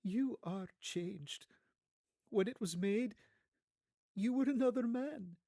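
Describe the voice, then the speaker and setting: A man voicing a fair young woman, gentle and sorrowful yet firm, speaking softly and formally in a dramatized storybook reading. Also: high voice, slow pace, vocal fry, no room sound, clean studio sound, voice pushed up, exaggerated voice. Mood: earnest, resigned. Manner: soft, earnest, formal phrasing.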